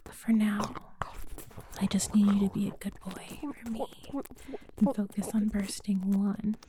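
A woman voicing a doting, controlling motherly figure in an intimate audio roleplay, mostly whispering in a hushed, soothing way. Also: medium pitch, little pitch movement, unhurried, a little hiss or hum, natural voice.

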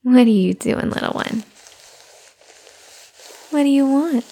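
A woman in an ASMR caretaker roleplay, speaking softly and soothingly, often in a whisper, close to the microphone. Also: sits high, animated, slow pace.

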